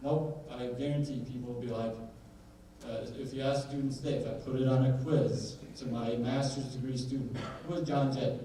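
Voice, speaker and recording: Man, presenter's talk, mellow tone, asks crowd questions, faint room hum, far from the mic. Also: mid-range voice, steady tone, moderate pace. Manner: conversational, asks the audience questions, jokes. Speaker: attorney giving a presentation. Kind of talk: lecture to a live audience. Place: large hall. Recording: echoey hall, heard from a distance.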